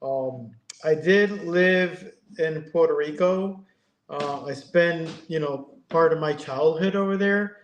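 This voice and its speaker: A man in his fifties from Connecticut, a guest talking in a casual, halting way, with many ums and restarts. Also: fairly high pitch, echoey room, low-quality recording. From Connecticut, USA. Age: 50s. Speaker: guest, airbrush artist. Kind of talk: casual interview chat.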